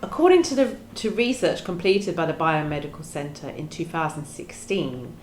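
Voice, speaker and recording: Low-voiced woman hosting a podcast. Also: lively intonation, a little mellow, slight background noise. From London, England. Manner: measured and earnest, with small restarts. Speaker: podcast host. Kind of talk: podcast discussion, partly read from research notes. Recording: roomy echo.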